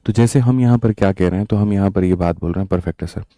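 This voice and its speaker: A man's voice: sits low, fast talker, warm tone, no room sound. A man with a sore throat teaching a live-streamed maths lesson, asking his students question after question. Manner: addresses students as "mere bhai" and "bachchon", with repetitive rhetorical questions.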